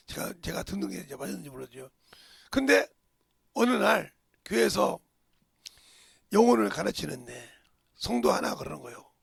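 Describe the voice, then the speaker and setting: A male pastor preaching with a high, very gravelly voice that climbs and plunges all over the place. He swings from shouts to hushed whispers and keeps pressing his listeners with rhetorical questions, in a dry, close sound. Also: very animated, moderate pace, long pauses, no room sound. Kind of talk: sermon.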